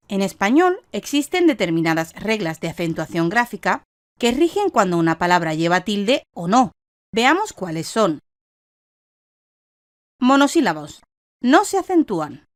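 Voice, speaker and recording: A woman reading a scripted instructional lesson in a measured, didactic way, stressing each example word. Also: mid-range voice, very animated, dry recording, studio quality. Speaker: online course narrator.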